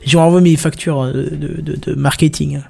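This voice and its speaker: A man's voice: fairly high pitch, little pitch movement, normal speed, vocal fry, warm tone. A man hosting a casual tech podcast, teasing and chatty, talking over a headset. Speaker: podcast host.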